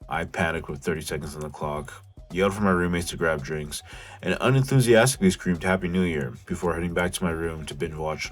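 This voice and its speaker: Low nasal young man vlogging. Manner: casual, self-mocking, bursts into loud rants. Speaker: YouTube channel host. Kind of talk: scripted vlog narration.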